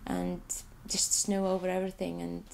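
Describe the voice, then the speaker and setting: Speaking English as a second language, an Icelandic woman talks about her photographs in an interview, often restarting and repeating herself hesitantly. Her lowish voice is gravelly and a little mellow, completely flat, at normal speed. The recording is low quality with slight background noise.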